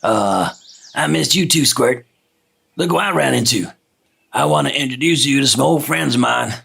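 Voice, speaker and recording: A man acting a laid-back, affectionate dude with a gravelly voice in a comic audio drama. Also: mid-range voice, moderate pace, fairly bright tone, full character voice. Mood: easygoing.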